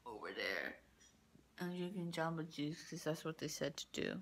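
A woman's voice: low-pitched, very animated, normal speed. A young woman vlogger rambling casually, groggy and numb-mouthed from dental anesthesia, drawing out her words into a phone. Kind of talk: casual video diary. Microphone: phone at arm's length. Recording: noisy phone recording.

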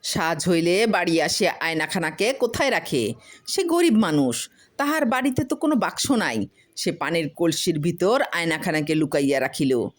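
A woman with a voice on the low side reads a humorous folk story at normal speed. It's scripted narration, delivered in an expressive, literary storytelling style.

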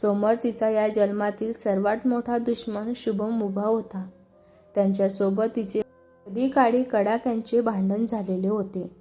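A woman narrating a serialized family story in a steady, expressive reading. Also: medium pitch, unhurried, faint music behind.

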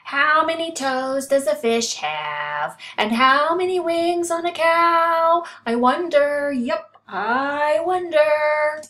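Woman putting on a loud, brash oddball penguin. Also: fairly high pitch, very animated, extremely slow, pitched above the performer's own voice, full character voice. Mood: loud singsong. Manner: hearty, blaring. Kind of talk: storybook character voice. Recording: roomy home recording, some hiss.

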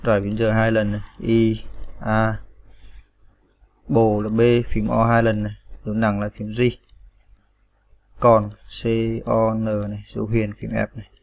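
Man, patient typing tutor, spells each key, flat delivery, muffled lo-fi recording. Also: on the low side, measured pace, gravelly, long pauses. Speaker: computer tutorial instructor. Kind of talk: step-by-step screen tutorial.

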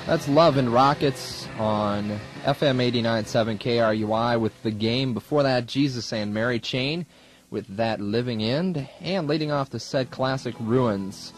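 A young adult American student DJ speaks at a measured pace in a mid-range voice, introducing music and chatting with casual wryness. It's a 1980s college radio aircheck recorded in the studio.

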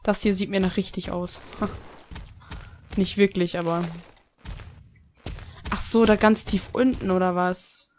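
A woman's voice: medium pitch, steady tone, slow pace, long pauses, a little mellow, a little hiss or hum. A young woman chatting her way through a horse-riding video game, reading quest text aloud and grumbling when she gets lost. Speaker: Let's Play gamer. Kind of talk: casual gameplay commentary.

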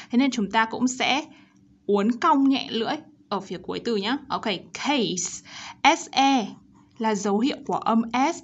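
A woman teacher with a Vietnamese accent explaining pronunciation and reading model sentences slowly and clearly. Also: mid-range voice. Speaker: English teacher. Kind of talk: pronunciation lesson. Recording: dull lo-fi recording.

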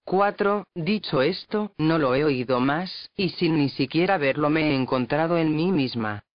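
A man's voice: on the high side, no echo. Man reading a devotional book. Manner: measured, reverent reading, reads out entry numbers and dates. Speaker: reader. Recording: dull lo-fi dry recording.

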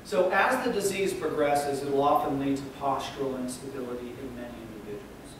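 A male university lecturer explaining to students, checking in with "okay?" and pausing on fillers. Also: mid-range voice. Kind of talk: recorded classroom lecture. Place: lecture room. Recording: echoey room, distant mic, noisy.

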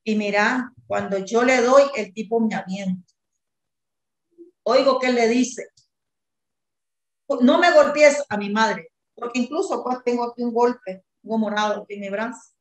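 A woman's voice: fairly high pitch, fairly even intonation, normal speed. Indignant woman in her fifties, roomy. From Nicaragua. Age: 50s. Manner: agitated, indignant, reenacts shouted dialogue. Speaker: interviewee, mother of detained student. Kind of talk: emotional eyewitness testimony.

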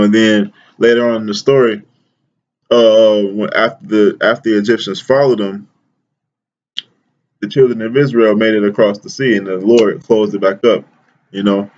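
A man reading Bible verses aloud and explaining them in a casual, slangy, excited way, often repeating words and calling the listener "man". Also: on the low side, highs cut off. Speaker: bible teacher. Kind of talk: casual scripture reading and commentary.

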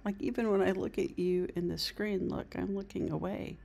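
A middle-aged woman in easy, casual conversation, practising as an amateur ventriloquist. Her voice is husky and mellow, with plenty of fry. She is close to the mic in a living room. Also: lowish voice, fairly even intonation, normal speed. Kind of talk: casual chat with a puppet. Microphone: device camera at close range.

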